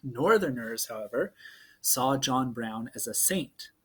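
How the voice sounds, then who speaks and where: A man's voice: medium pitch, expressive, measured pace, fairly bright tone, husky. A man in his thirties giving a casual history video lesson, joking and cracking corny puns. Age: 30s. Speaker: social studies teacher.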